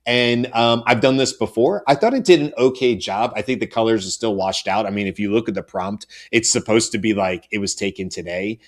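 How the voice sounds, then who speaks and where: A man's voice: fairly low pitch, a little fast, few pauses. A middle-aged man co-hosting a panel show, chatting casually with many fillers and restarts. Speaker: co-host.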